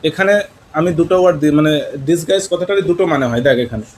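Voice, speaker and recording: A man's voice: on the high side, animated, very fast, a little mellow, slight background noise, rough recording. A man teaching an English lesson in Bengali with a West Bengal accent, mixing in English words and questioning his students. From West Bengal, India.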